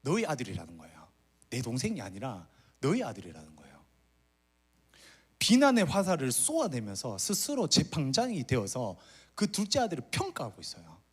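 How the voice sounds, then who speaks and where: A man's voice: mid-range voice, normal speed, husky. A man preaching a sermon as a pastor, telling a story and acting out the characters' complaints. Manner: animated storytelling, acts out the older son's complaints. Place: church retreat hall.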